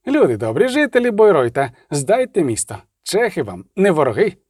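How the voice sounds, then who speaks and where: A man's voice: on the high side, wildly swooping pitch, brisk, slightly rough, no room sound, clean studio sound, full character voice. A man doing a fiery street preacher. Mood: mocking. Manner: declaiming, shouting to a crowd. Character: fiery middle-aged male street preacher, rabble-rousing.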